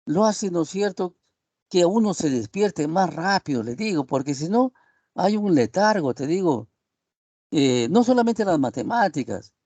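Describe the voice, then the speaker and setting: A man teaching a university class online via video call speaks at normal speed in a high, warm, animated voice with no echo. Rambling and leaning on tag questions, he addresses the students as "estimados alumnos".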